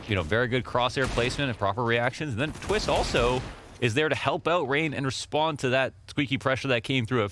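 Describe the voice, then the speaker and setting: A man's voice: medium pitch, background noise. A man giving esports color commentary, thoughtful and hesitant, with many fillers. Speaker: analyst commentator. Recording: game sounds and gunfire behind.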